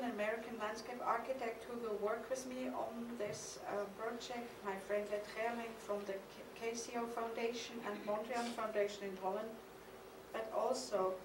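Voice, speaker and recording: Her voice a little high, a German-accented woman, an artist at a conference, reads a prepared, partly poetic lecture on a mid-sized studio hall's stage, measured and reflective with occasional hesitations. She speaks into a stand-mounted podium mic, though the recording comes from the camera's distance in an echoey hall with background noise.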